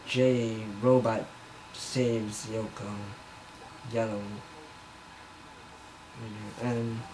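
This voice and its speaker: A man giving a comic dramatic reading of fan fiction in his bedroom, rambling and self-conscious, often stumbling over words, on a camera mic. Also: mid-range voice. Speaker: amateur reader. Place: bedroom at home. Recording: echoey room with background noise.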